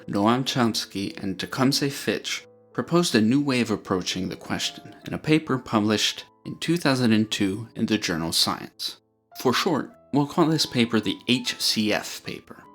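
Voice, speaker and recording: A man narrates an explanatory video, taking the ideas one step at a time in a clear, measured manner. His voice is medium-pitched and fairly bright.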